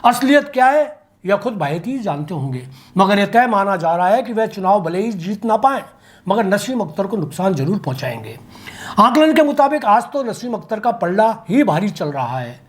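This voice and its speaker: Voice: mid-range voice, big pitch swings, normal speed. A local news commentator reading an opinionated political commentary from a script, with vivid turns of phrase.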